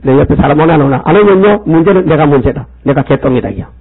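Gravelly pastor scolding his flock. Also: on the high side, lively intonation, fast. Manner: scolding, rhetorical questions to the congregation. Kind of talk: sermon. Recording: tinny phone-like sound.

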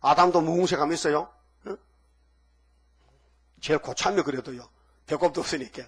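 A man with a husky voice preaching a sermon emphatically, firing off rhetorical questions at the congregation. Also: fairly high pitch, moderate pace. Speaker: pastor.

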